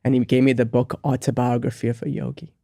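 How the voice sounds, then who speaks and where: A man's voice: medium pitch, level tone, fast talker, gravelly, dark tone, no room sound, studio quality. A man, a monk and spiritual teacher, telling his life story as an interview guest in a reflective, earnest way with frequent ums and restarts. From grew up in the United States.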